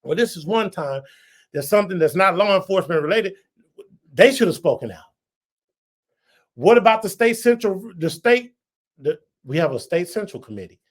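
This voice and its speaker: A man hosting a podcast, delivering a heated political rant full of repeated insults, dropping to low mutters and rising to shouts. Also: lively intonation, normal speed, long pauses. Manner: heated, insulting, repetitive tirade. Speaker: podcast host.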